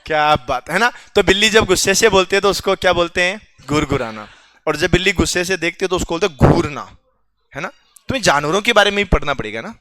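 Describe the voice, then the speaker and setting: High bright-voiced man teaching a class. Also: animated, fast talker. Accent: Rajasthani Hindi. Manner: quizzing students, teasing and joking.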